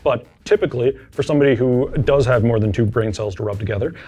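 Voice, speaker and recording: A man's voice: mid-range voice, fast, breathy edge, soft background music. Casual man narrating a screen-share tutorial. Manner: relaxed, self-deprecating, thinks aloud while clicking. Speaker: homelab tutorial presenter.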